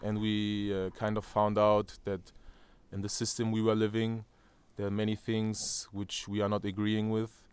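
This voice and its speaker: German-accented man, very clear voice. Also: lowish voice, completely flat delivery, normal speed, few pauses, a little mellow, dry recording. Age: 30s. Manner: hesitant, many fillers and restarts. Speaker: interviewee. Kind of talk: casual outdoor interview. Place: outdoor terrace above a valley.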